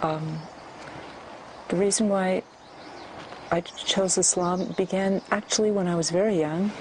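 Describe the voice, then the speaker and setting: A woman in her sixties from the United States, calmly telling her story in an interview. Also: lowish voice, unhurried, background noise. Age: 60s. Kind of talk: recorded interview.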